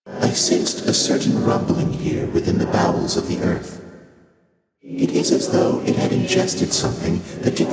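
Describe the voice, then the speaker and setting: Ancient chaos god for a game, super slow n formal, breathy, calmly aloof, huge echo w loud music behind. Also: male voice, sits low. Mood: detached, wryly amused. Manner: formal, measured, stately, faintly amused. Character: ancient, detached, courteous primordial deity of chaos. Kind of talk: video game character dialogue. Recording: echoing long reverb under loud music.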